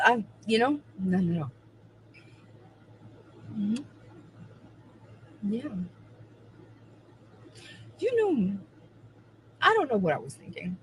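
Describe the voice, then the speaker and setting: A woman's voice: mid-range voice, big pitch swings, slow pace, long pauses, slight background noise, poor audio. A woman in her forties chatting casually on a livestream, emphatic and repeating her points for effect. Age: 40s. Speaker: co-host of a livestream.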